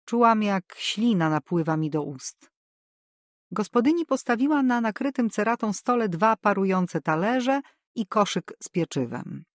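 A woman narrating a first-person novel as an audiobook, measured and expressive. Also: medium pitch, dry recording, clean studio sound.

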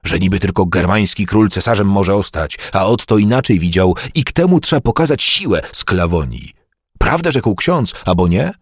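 A man voicing a stern, husky medieval lord. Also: on the low side, animated, normal speed, no room sound, clean studio sound. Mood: urgent. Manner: urgent, rallying, insistent. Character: stern older male Slavic lord, forceful.

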